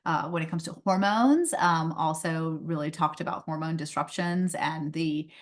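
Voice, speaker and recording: In a deep voice at normal speed, a woman presents a webinar over a video call. Raised in India, she is a pediatrician and company founder, and she keeps things conversational with many "um" fillers and light laughs.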